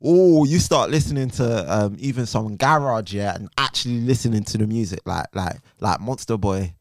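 Deep-voiced London roadman, slangy podcast chat. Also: moderate pace, dry recording, clean studio sound. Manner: slangy, repeats tag questions and check-ins. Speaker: podcast co-host, poet.

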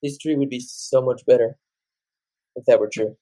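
A man in his late teens co-hosting a podcast, rambling through animated casual chat. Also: medium pitch, moderate pace, no echo. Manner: rambling, animated, jumps into loud off-key singing. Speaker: podcast co-host.

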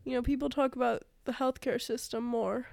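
A teenage girl hosts a political podcast while fighting a cold, so her high voice comes out stuffy and nasal. She talks in a chatty way and laughs easily. The sound is dry and close, with no room around it. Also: steady tone, fairly quick, vocal fry, a little mellow, no room sound. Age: teens. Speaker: podcast co-host. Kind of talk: casual political podcast chat.

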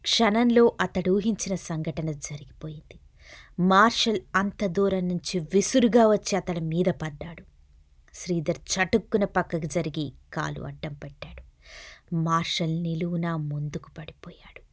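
A woman narrating a serialized novel in a soft, hushed reading voice. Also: lowish voice, moderate pace, no echo, studio quality. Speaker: audiobook narrator.

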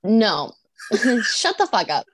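A woman's voice: medium pitch, very animated, takes it slowly, fairly bright tone, husky, no room sound, clean studio sound. A woman in her thirties co-hosting a podcast, chatting casually and laughing often. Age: 30s. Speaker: podcast co-host. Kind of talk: casual chat.

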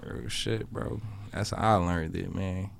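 A man in his thirties in a casual, slangy chat, musing at a relaxed pace as a podcast co-host. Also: deep voice, a little slow, vocal fry, slight background noise. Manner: laid-back, slangy, musing.

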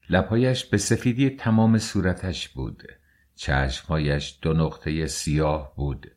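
Give me a deep-voiced male audiobook narrator with a slow, grave, mournful reading. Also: a little mellow. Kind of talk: scripted first-person audiobook narration.

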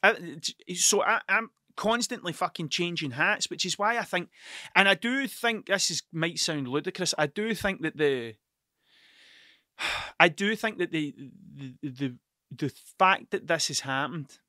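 Guy rambling on his podcast, swears a lot, trips over his words, bright tense voice. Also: high voice, a little slow, no echo, clean studio sound. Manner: sweary, stuttering, restarts sentences. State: tired. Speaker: podcast host and mural painter. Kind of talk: rambling solo podcast monologue.

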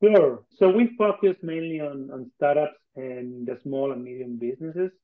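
An Argentine-accented man whose first language is Spanish talks earnestly and conversationally as an interview guest, being a tech company co-founder. His pitch is mid-range for a man, his pace moderate, and he leans on repeated phrases for emphasis. The sound is thin and narrow, like a phone call.

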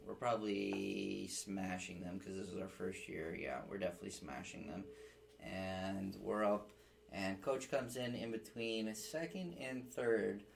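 Young man, podcast guest, low voice, animated storyteller, casual swearing. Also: measured pace, gravelly, a little hiss or hum, low-quality recording. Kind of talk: casual chat.

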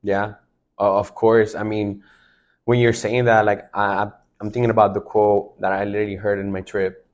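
A man in his twenties from Mexico, talking excitedly about faith in a casual chat, emphatic and full of slang fillers. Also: fairly low pitch, normal speed, lo-fi sound. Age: 20s.

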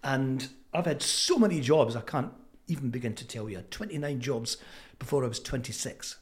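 Male, 70s, Fife Scottish accent. Mid-pitched conversational storyteller, reflective, pausing often to find the word. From Fife, Scotland. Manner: halting, thoughtful, with frequent pauses. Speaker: interview guest.

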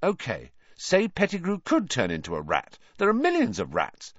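A male narrator raises his voice for a doubtful teenage boy, protesting in a weak, unsteady way, pitched above the narrator's own. It comes through a dry, slightly dull recording. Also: huge pitch swings, normal speed, no room sound. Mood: skeptical.

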